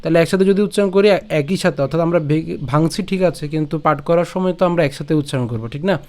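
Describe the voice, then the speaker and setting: A man teaching recitation, breaking words into syllables slowly and patiently and checking in often with his listeners. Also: fairly high pitch, darkish tone. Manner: slow, patient syllable-by-syllable drilling with frequent "ঠিক আছে?". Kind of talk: online recitation lesson.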